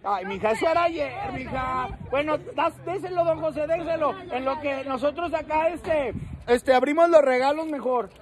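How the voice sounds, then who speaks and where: A man with a Mexican accent hosting a street vlog, joking, teasing and shouting to people outdoors at night. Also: extremely high pitch, normal speed. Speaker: street prankster host. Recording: busy street with crowd chatter. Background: crowd chatter.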